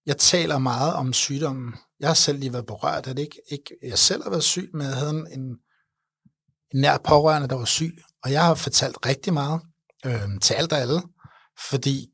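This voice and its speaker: A man in his forties, an event organizer, telling his story in an earnest, animated way during an interview. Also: medium pitch, slightly rough, dry recording. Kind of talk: interview conversation.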